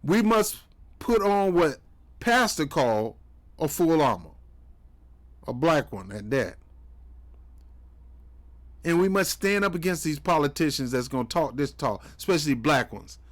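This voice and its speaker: Male commentary host, slightly high voice, preachy and mocking. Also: sing-song, unhurried, pauses often. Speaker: commentary host reacting to clips. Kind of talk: heated political commentary.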